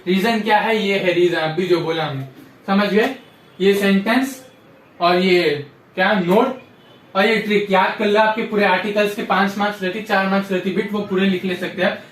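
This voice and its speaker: A man's voice: sits high, steady tone, moderate pace, fairly bright tone. A man teaching a grammar lesson, repeating rules and checking often that students understand. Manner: repetitive, drills rules with frequent "samjhe?" check-ins. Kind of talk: classroom-style grammar lesson. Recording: echoey room, voice from a distance.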